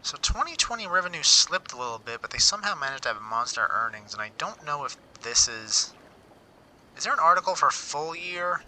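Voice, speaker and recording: A fairly high-pitched man talks briskly in a sing-song, bright, forceful voice during a casual livestream, thinking aloud over figures with wry remarks. He often repeats words mid-sentence and interrupts himself. The rough recording has a little hiss or hum.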